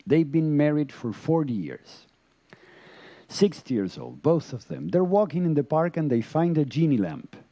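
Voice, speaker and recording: Animated male yoga teacher, mellow voice. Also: on the high side, normal speed. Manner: animated storytelling, chuckles. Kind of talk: lecture to a live audience.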